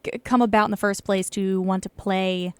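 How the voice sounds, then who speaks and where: A woman's voice: medium pitch, steady tone, moderate pace, smooth, no echo. A woman hosting a radio show from the studio, chatty and playful as she interviews a guest. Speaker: radio host.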